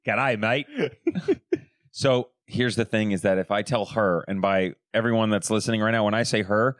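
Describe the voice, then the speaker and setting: Man, podcast co-host, wisecracking, playful, lowish voice, dry sound. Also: steady tone, fairly quick, no echo. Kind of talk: casual banter podcast. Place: home room called Florida room.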